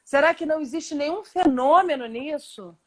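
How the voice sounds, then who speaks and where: A Brazilian woman with a high-pitched voice talks over a video call. She is a therapist in a live online discussion, explaining at length and with emphasis, tagging her points with a questioning "né?". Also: moderate pace. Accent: Brazilian Portuguese. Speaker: Gestalt therapist, host.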